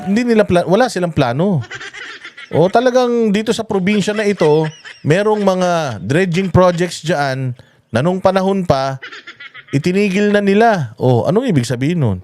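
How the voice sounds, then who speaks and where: A man giving casual political commentary, chatty and often chuckling, with his pitch swinging up and down. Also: lively intonation, moderate pace, a little mellow, a little hiss or hum.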